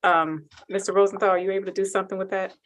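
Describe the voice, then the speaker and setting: A woman judge, heard on a courtroom recording, running a hearing in a brisk, formal way and reading procedure by rote. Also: mid-range voice, little pitch movement.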